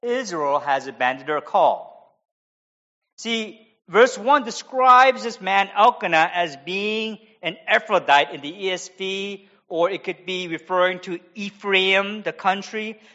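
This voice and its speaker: A man's voice: sits high, measured pace, bright, forceful tone, dull audio. A man from America with an American accent, preaching an expository sermon with conversational asides. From United States. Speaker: pastor.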